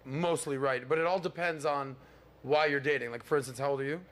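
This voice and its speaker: A man's voice: mid-range voice, fairly even intonation, a little fast, fairly bright tone. A man in his forties on a casual panel debate, laid-back and confident, speaking in slang. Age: 40s. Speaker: podcast panel guest.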